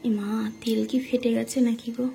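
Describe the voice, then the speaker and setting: A woman's voice: fairly high pitch, level tone, measured pace, vocal fry, background noise. A woman, chatting to her viewers while cooking at home and telling stories with frequent laughter. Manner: chatty, storytelling, laughing often. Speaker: vlogger. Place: home kitchen.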